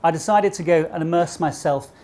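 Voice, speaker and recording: With a darkish voice on the high side and a slightly fast delivery, a middle-aged man with a posh British accent gives a motivational business talk. He is a keynote speaker addressing a live event audience, engaging them with rhetorical questions.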